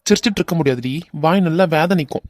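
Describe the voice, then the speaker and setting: A man voicing a young husband in an animated romance, earnest and bantering in a Kanyakumari Tamil accent. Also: fairly high pitch, fast talker, no echo, studio quality, natural voice. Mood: playful banter.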